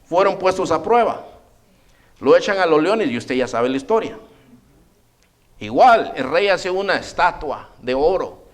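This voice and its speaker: A man preaching a sermon in a church, animated, addressing listeners as brother and acting out biblical characters' voices. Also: on the high side, a little slow, pauses often. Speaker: pastor.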